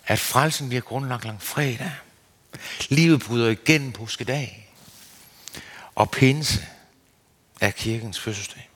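A man giving an earnest, searching sermon as a preacher, his pitch rising and falling. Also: long pauses, a bit bright. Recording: long hall reverb.

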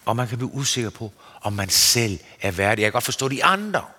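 A man giving an earnest, searching sermon as a preacher, his pitch rising and falling. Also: big pitch swings, bright, forceful tone. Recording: long hall reverb.

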